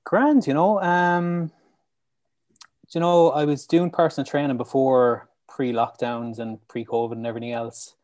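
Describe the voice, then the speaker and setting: A man's voice: medium pitch, little pitch movement, moderate pace, a little mellow, no echo. An Irish man chatting casually as a podcast guest, upbeat and earnest. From County Clare, Ireland. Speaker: podcast guest, mental health educator. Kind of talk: casual interview chat. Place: room at home, on a remote call.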